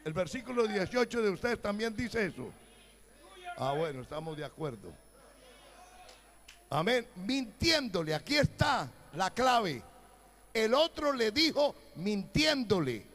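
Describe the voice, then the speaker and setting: Un pastor predicando un sermón con énfasis, alternando pasajes pausados con arrebatos fuertes e imitaciones burlonas. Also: male voice, high-pitched, very animated. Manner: emphatic preaching with sudden loud outbursts and mocking quoted voices. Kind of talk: sermon.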